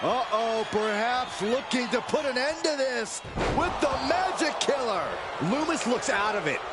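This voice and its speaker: A man voicing an excitable play-by-play wrestling announcer who calls each move in scripted video game commentary. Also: very high voice, measured pace, very noisy. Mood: excited. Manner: excitable, calling moves.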